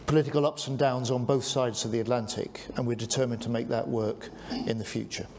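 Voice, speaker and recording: A man hosting a press conference as defence secretary, calling on reporters by name and answering their questions in a measured way. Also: mid-range voice, fairly even intonation, noisy background.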